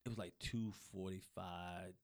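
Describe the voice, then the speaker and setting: A man from North Carolina with a Southern accent, telling profane, animated stories in a casual podcast chat. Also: deep voice, measured pace.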